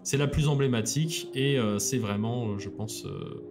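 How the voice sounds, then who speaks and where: A man talks casually on a podcast at an average pitch, often stalling and restarting mid-sentence. He slips in dry jokes now and then. A guitar track plays clearly behind his voice. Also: normal speed. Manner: hesitant, lots of fillers and restarts; dry joking asides. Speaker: podcast co-host presenting a city guide.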